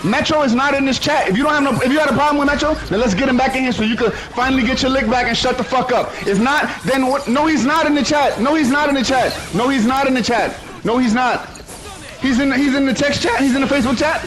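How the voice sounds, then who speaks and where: A very high-pitched man arguing heatedly in a voice chat. He is angry and profane, and he keeps repeating the same lines as he presses his point. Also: fast talker, low-quality recording. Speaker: voice chat participant. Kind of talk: heated argument.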